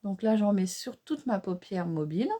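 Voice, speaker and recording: In a relaxed, mellow, mid-range voice at normal speed, a beauty vlogger walks viewers through an improvised makeup look. She chats with lots of fillers and little asides, hesitates over choices, and asks the audience for their opinion, exclaiming excitedly at the colors.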